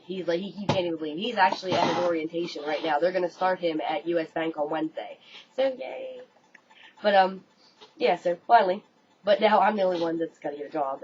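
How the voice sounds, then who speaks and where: A young American woman telling a story to her webcam in an animated, casual way, swearing freely. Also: on the low side. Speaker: vlogger. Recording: dull lo-fi webcam audio, faint room noise.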